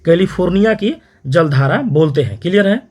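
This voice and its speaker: A man teaching an exam-prep geography lesson, repeating terms and quizzing listeners with quick questions. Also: high-pitched, animated, darkish tone, husky. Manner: repetitive question-and-answer drilling, frequent "theek hai".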